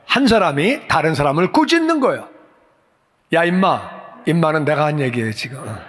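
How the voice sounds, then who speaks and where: A male pastor preaching a sermon in a church, animated and acting out dialogue with a raised voice. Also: a little high, fast. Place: church sanctuary. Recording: reverberant church hall.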